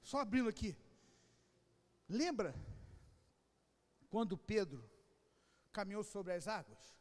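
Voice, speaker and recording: A man pastor preaching an impassioned sermon with a Rio de Janeiro accent, swinging between shouted calls and quiet asides. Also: high-pitched, sing-song, takes it slowly. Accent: Rio de Janeiro Portuguese. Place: church hall. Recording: long church hall reverb.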